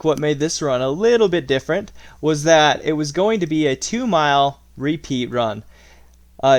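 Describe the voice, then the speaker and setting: A man giving a vlog-style training recap, reading out stats in a matter-of-fact, somewhat halting way. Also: medium pitch. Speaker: running vlogger.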